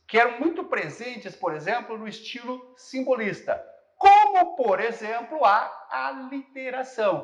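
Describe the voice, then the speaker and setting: Male teacher, guides through an exam-prep lesson with animated intonation. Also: high-pitched, roomy sound. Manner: explanatory, guides step by step.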